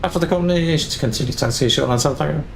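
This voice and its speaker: A man's voice: a little high, very fast, vocal fry, a little hiss or hum. A man talking as a pilot in the cockpit, giving clipped checklist callouts and radio readbacks while streaming a flight simulator.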